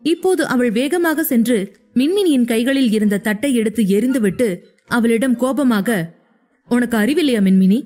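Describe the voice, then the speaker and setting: A woman narrating a scripted audio story in a steady, even reading voice. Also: on the high side, normal speed.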